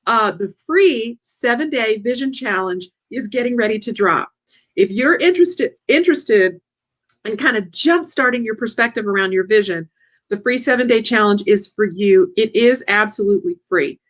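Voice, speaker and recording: A woman hosting a lively coaching livestream, chatty and excitable, talking straight to her audience. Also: on the high side.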